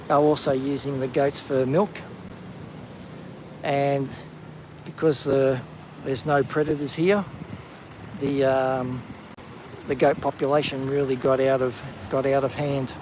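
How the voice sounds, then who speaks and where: A man casually hosting a live walking stream on a coastal clifftop, chatty with plenty of ums and excited whenever he spots something. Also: medium pitch, noisy background. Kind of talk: live walking vlog commentary. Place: outdoors on a coastal clifftop walk.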